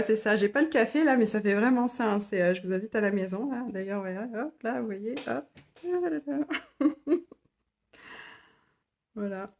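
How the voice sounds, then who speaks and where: A woman hosting a casual live stream from her home office, reading viewer comments aloud, repeating them and laughing often. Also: medium pitch. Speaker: live stream host, human design guide. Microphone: phone or laptop mic.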